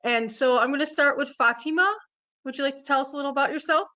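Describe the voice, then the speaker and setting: A woman's voice: sits high, quick pace, pushed and bright, dull audio. A woman in her thirties from the United States, moderating an online panel in a loose, friendly way. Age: 30s. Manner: friendly, loose, "kind of" phrasing. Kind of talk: casual moderating.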